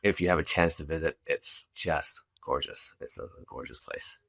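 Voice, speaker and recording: A man's voice: rumbling low, steady tone, normal speed, fairly bright tone, no echo, studio quality. A middle-aged man from Zambia, a company founder talking casually as a podcast guest, with many restarts and fillers. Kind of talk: casual interview chat.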